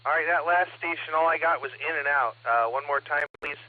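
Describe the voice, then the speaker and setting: A man's voice: on the high side, brisk. Man calling a ham radio net over the air. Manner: steady, methodical, reads back call signs. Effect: two-way radio transmission. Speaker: net control operator. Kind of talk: amateur radio net check-ins. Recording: narrow, phone-like radio audio.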